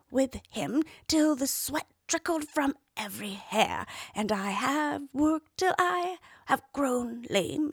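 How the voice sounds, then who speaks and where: A woman's voice: vocal fry, no room sound, clean studio sound, exaggerated voice. A woman voicing a worn-out, lame old male workhorse, bitter about his fate, in a whispered storybook reading. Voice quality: whispery, pitched high.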